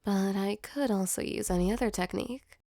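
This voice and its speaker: In an intimate audio roleplay, a woman voices a female sleep paralysis demon, a teasing monster with a tender, apologetic side. Her soft, mid-pitched voice carries noticeable fry and moves fairly quickly, lightly acted, gentle, and earnest. It's heard up close in a very dry recording space.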